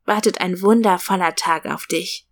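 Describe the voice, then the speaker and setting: A woman voicing a gentle, affectionate aunt in a read-aloud storybook, speaking soothingly to a child. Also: fairly low pitch, moderate pace. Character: warm, gently teasing aunt, adult woman.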